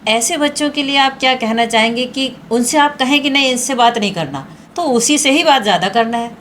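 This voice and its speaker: A woman from India hosting an unscripted interview, asking questions and giving soft, frequent backchannels. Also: on the high side, brisk, slight background noise. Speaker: interview host.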